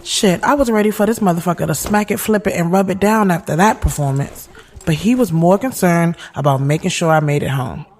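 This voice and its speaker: In a natural, lowish voice with a darkish tone, a woman speaks fairly quickly as the narrator and lead of an audio drama. Her character is a frank, sassy thirty-year-old recounting her own life in slangy first person, conversational urban drama style.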